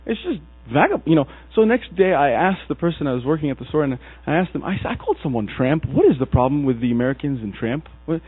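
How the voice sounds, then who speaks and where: With a slightly high voice, a quick pace and few pauses, an Egyptian man preaches a story-driven sermon, animatedly voicing the characters he quotes. There's no room sound; his husky voice comes through a tinny, dry, phone-like recording with mains hum.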